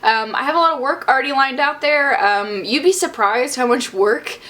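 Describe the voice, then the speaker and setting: A woman's voice: sits high, normal speed, a bit bright. A young adult woman, a beauty vlogger, answering viewer questions in a bubbly, chatty and playful way. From Southern US. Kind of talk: casual Q&A vlog.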